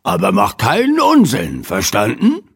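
A man's voice: fairly low pitch, huge pitch swings, measured pace, slightly rough, heavily acted. A man voicing a grumpy older man in an audiobook, muttering and grumbling. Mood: stern. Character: grumpy older man, city-hating zoo owner. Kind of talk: audiobook character voice.

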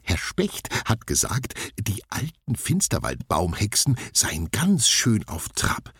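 Give me a man playing a talkative gossipy shopkeeper woman from a storybook, a bit husky. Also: lowish voice, wildly swooping pitch, slow pace, a bit bright, no room sound, studio quality, pitched above the performer's own voice, exaggerated voice. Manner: breathless, gossiping, talks on and on. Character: chatty gossipy female shopkeeper.

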